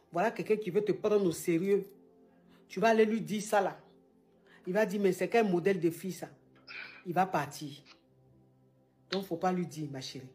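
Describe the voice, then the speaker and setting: Speaking in a mellow voice on the low side, the advice-show host and relationship coach banters with a caller in a relaxed, teasing manner. She tends to repeat her phrases.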